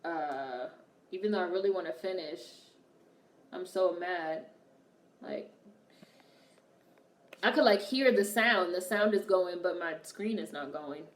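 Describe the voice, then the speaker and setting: Hosting a live watch-along, a young woman from the United States talks bluntly and candidly to her chat, swearing as she responds to their comments. She speaks on the low side, a little slowly and with frequent pauses, and the recording sounds roomy, her voice far from the mic.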